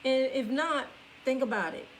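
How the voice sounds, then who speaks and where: Lively teasing woman co-host. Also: sits high, moderate pace, slight background noise, rough recording. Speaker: co-host, wife. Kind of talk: casual faith-based marriage chat, live stream.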